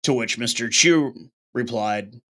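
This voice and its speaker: A man's voice: medium pitch, unhurried, a bit bright. A man hosting his own show, talking bluntly in a casual, ranting monologue with occasional swearing. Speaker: show host.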